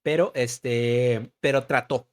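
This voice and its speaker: A man's voice: medium pitch, fairly even intonation, slow pace, no echo. Slangy Mexican guy, dry close sound. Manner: slangy, peppers talk with "güey". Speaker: podcast co-host. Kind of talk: casual political chat.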